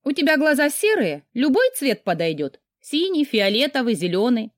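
A woman's voice: sits high, big pitch swings, normal speed, no room sound, clean studio sound, voice pushed up. A woman reading an audiobook, voicing a cheerful, bossy young woman friend who teases. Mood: teasing. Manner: teasing, bubbly.

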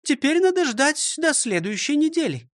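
A strict elderly schoolteacher scolds and barks out commands in a high, lively voice that leaps up and down, put on by a storybook reader. She drills her old pupil without mercy and keeps every word clipped and dry. The recording is close and dry. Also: normal speed, no echo. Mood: stern. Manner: scolding, commanding, counts out exercises. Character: strict elderly woman schoolteacher, stern and bossy. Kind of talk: audiobook reading.

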